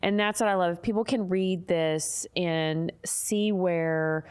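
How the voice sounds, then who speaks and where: Woman podcast host, low-ish voice, earnest, animated storytelling, casual chat. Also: slow pace, smooth. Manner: animated, acts out quotes in a higher voice; earnest, faith-centered.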